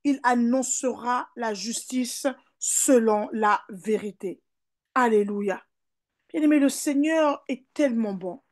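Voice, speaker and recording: A woman pastor giving a fervent sermon, repeating calls of hallelujah and beloved, swinging between emphatic peaks and soft asides. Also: a little high, takes it slowly. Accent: French.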